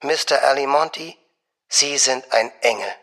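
A man's voice: mid-range voice, normal speed. Man putting on a honey-voiced young secretary woman. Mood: gushing. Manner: honeyed, soft and intimate, drops to a whisper. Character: gushing young female bank secretary, sweet-talking.

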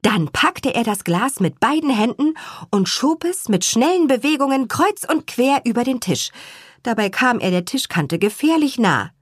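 A woman narrating a children's story with an expressive, measured reading style and a husky voice. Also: fairly high pitch, no room sound, clean studio sound. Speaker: audiobook narrator.

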